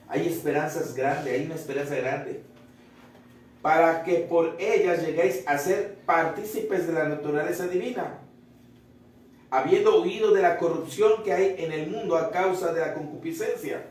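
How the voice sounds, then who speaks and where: Earnest preacher in a very echoey room. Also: male voice, a little high, darkish tone, far from the mic, slight background noise. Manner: earnest, repeats and restarts phrases, asks listeners questions. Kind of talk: Bible study sermon.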